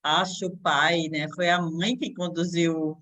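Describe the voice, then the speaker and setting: A woman's voice: fairly low pitch, fairly even intonation, a little slow, fairly bright tone. A woman chiming in with brief remarks in a casual film discussion. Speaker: audience member.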